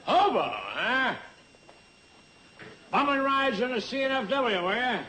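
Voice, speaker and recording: An actor playing a mean, drunken, imperious railroad big shot in a 1960s television sitcom. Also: male voice, extremely high pitch, sing-song, takes it slowly, pushed and bright, heavily acted. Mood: imperious, tipsy. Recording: echoey, distant, very noisy old soundtrack.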